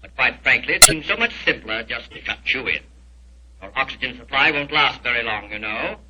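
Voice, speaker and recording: An actor playing a mockingly polite British criminal professor, a silky theatrical villain in a 1940s radio drama. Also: male voice, medium pitch, expressive, fairly quick, very noisy, lightly acted. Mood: smug. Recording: dull old 1940s radio recording.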